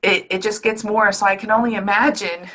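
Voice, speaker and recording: A woman's voice: mid-range voice, fairly even intonation, brisk, pushed and bright. A woman in her forties hosting a podcast, talking in a loose, reflective, casual way with a few fillers. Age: 30s or 40s. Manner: reflective, loose, sprinkles fillers and mild swearing. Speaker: podcast host. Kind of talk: casual interview chat.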